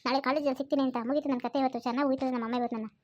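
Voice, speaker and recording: A woman voicing a young female college student who pleads and scolds in rapid bursts. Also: high-pitched, steady tone, a little mellow, muffled recording, natural voice. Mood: panicked.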